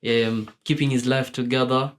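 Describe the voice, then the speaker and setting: A man's voice: medium pitch, steady tone, normal speed. A young man from Kenya answering radio interview questions about his music, with many fillers and restarts. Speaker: musician guest.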